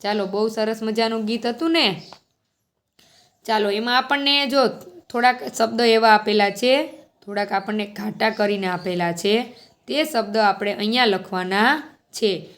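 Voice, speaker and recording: A woman's voice: medium pitch, fairly bright tone. A woman primary school teacher reading a song and a story aloud to young children, asking them questions as she goes. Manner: slow, sing-song, prompting questions.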